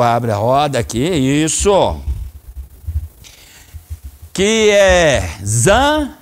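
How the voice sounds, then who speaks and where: A middle-aged man with a Brazilian Portuguese accent coaches a children's karate class. His voice is fairly high for a man and swings widely in pitch. He talks slowly and lays out each step with care. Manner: lively, coaching commands to children. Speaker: karate instructor. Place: training hall, indoors.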